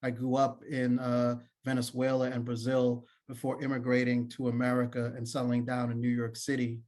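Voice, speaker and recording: A man from Trinidad and Tobago gives a polite, formal introduction during an online conference session. His voice is mid-pitched for a man, and he speaks graciously over a video call. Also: monotone, normal speed, a little mellow. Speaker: assistant professor, session respondent.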